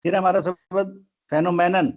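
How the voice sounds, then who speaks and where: A man's voice: high voice, fairly even intonation, moderate pace, highs cut off. A man teaching English grammar in a lesson, spelling words out letter by letter.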